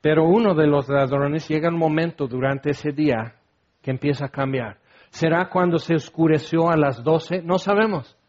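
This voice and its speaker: High-voiced guy preaching, acts out the voices and gets loud, kinda muffled recording. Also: moderate pace. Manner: animated, acts out biblical voices with shouts. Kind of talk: sermon. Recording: dull lo-fi sound.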